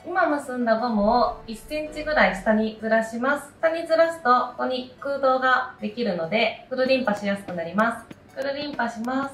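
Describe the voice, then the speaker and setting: A woman talks through a hairstyle one step at a time in a plain, even voice, pitched a little high. She sounds set back from the mic in an echoey room. Soft music plays underneath. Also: recorded from a distance. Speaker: hair tutorial narrator. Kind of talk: calm step-by-step voice-over instruction.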